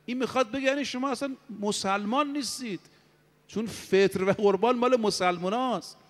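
A male preacher speaks to a congregation in a high voice. He slows right down to draw out quoted Arabic lines. A long reverb from a large hall hangs behind every word. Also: fairly bright tone. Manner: preaching, drawn-out chanted Arabic quotations. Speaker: cleric preacher. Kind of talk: sermon.

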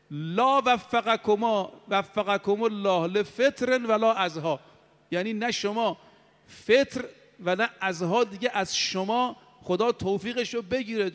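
High-voiced preacher in an echoing hall. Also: male voice. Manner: preaching, drawn-out chanted Arabic quotations. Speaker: cleric preacher. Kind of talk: sermon. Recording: long hall reverb.

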